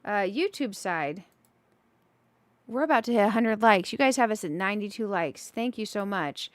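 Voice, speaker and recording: A woman's voice: mid-range voice, lively intonation, moderate pace, no echo. A woman streaming a cozy game, chatting casually with viewers and thinking aloud as she decorates, with giggly bursts. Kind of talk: casual gameplay commentary.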